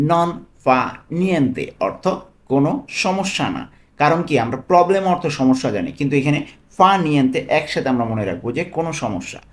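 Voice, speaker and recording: A man with a Bangladeshi accent, working as a language tutor. He explains phrases patiently, repeating each one slowly and checking in with "okay?". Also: fairly high pitch. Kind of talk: explaining Italian phrases in Bengali.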